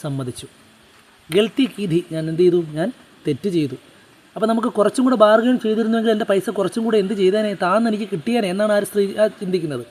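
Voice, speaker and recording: High-voiced man teaching Hindi. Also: darkish tone. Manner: asks the class questions and answers them himself; reads the text aloud slowly, then explains it. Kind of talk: explaining a lesson to students.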